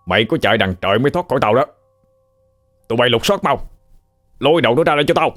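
A man's voice: lowish voice, lively intonation, quick pace, fairly bright tone, faint music behind. A man voicing a menacing thug who barks threats. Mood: threatening. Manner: barking threats. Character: menacing male thug, loud and bullying.

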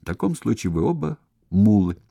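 A man's voice: on the low side, big pitch swings, fairly quick, creaky, no room sound, studio quality, pitched above the performer's own voice, heavily acted. A man putting on a merry, mocking slave in a storybook. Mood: taunting. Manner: loud, merry, taunting. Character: cheeky jolly male slave, mocking and boastful.

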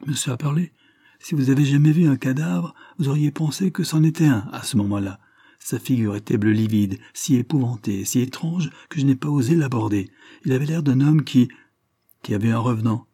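A man's voice: mid-range voice, brisk, warm tone, slightly rough, dry recording, studio quality, voice pushed up. A man voicing an old, loyal male estate steward who talks in an agitated, pleading way. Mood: fretful.

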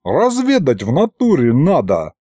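A man's voice: fairly high pitch, wildly swooping pitch, unhurried, warm tone, no room sound, studio quality, pitched above the performer's own voice, heavily acted. A man voicing a small horned male imp who talks cocky gangster slang in a raised voice.

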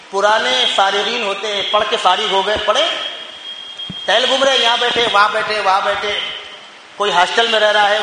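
A man's voice: sits high, bright, forceful tone, a little hiss or hum. A man from India preaching a fervent Urdu sermon in a mosque, full of rhetorical questions and repeated phrases. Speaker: mufti preacher. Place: mosque hall. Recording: echoey mosque hall with long reverb.

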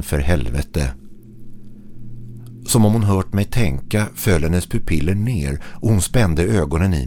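A man narrating a scripted horror story in the first person, with a steady, measured delivery. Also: deep voice.

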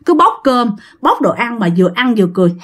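A woman's voice: fairly high pitch, fairly bright tone. A woman telling a family ghost story in a chatty way, talking straight to her listeners. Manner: chatty, addresses listeners directly, laughs.

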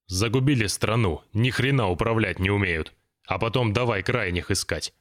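Мужчина озвучивает грубого раздражённого босса. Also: male voice, on the low side, moderate pace, a bit bright, close to an everyday voice. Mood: irritated. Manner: blunt, coarse, impatient. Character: gruff irritable male businessman boss.

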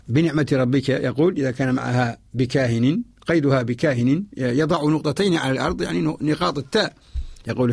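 A man with a Mauritanian accent gives a scholarly radio lesson. His voice sits a little high and sounds dry and close, with no room around it. He works through each example in a measured, methodical way and returns to the same set phrases. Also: vocal fry, darkish tone, breathy edge, dry recording. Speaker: Quran scholar teaching a poem. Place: radio studio.

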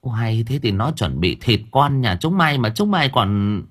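A man's voice: mid-range voice, big pitch swings, moderate pace, breathy edge. A man voicing a fierce, foul-mouthed old village exorcist woman, scolding and cursing.

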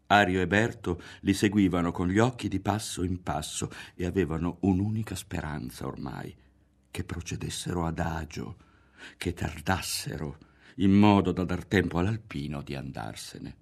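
A man reading a literary novel aloud in a measured, expressive way, often dropping to a hushed tone. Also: low-pitched, gravelly. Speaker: audiobook reader. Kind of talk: literary audiobook narration. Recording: faint music underneath.

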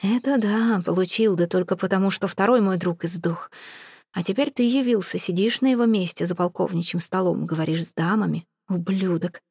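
A woman voicing a drunk, belligerent male army lieutenant in an audiobook, speaking slowly and with contempt. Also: fairly low pitch, a little mellow, husky, no echo, clean studio sound. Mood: furious. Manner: slow, taunting, contemptuous. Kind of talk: audiobook character reading.

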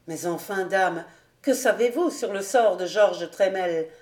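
A woman's voice: mid-range voice, measured pace, a little mellow, lightly acted. A woman reading as a sorrowful old noblewoman. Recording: roomy echo.

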